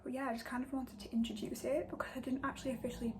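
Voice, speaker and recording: A woman's voice: high-pitched, level tone, very fast, background noise. A young woman from England with a northern English accent, hosting a casual podcast chat, giggly and self-mocking. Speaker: podcast host.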